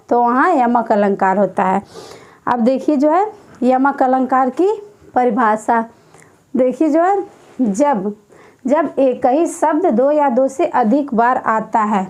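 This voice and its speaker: Slow, high-voiced woman teaching Hindi grammar. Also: darkish tone. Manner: repetitive, dictating slowly while writing. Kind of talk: exam-prep grammar lesson.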